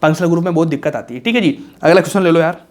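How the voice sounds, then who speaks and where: Young male tutor, rapid casual lecture, asks and answers his own questions, slightly high voice. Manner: rhetorical questions answered himself; colloquial, reassuring, calls students bhaiya and raja. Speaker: chemistry teacher. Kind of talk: casual exam-prep lecture.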